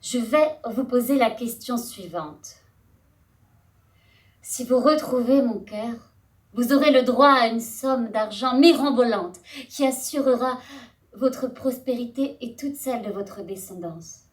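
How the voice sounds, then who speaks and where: Woman doing a slow, stately grand lady. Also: fairly high pitch, lightly acted. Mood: formal. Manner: slow, formal, ceremonious. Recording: roomy hall, distant mic.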